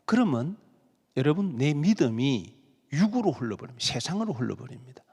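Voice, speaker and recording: A man's voice: fairly high pitch, sing-song, a little fast, darkish tone, husky, big-room sound. A male pastor preaching a sermon, acting out pleading prayers in dramatic voices.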